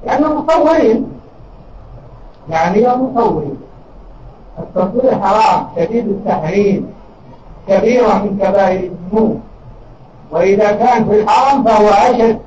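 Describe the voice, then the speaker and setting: Older man, Saudi Arabian accent, religious lesson, measured and emphatic, distant lo-fi mic. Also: sits high, noisy background. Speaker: scholar answering questions. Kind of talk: religious lesson answering questions. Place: large mosque hall. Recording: distant, echoey, dull lo-fi mosque recording.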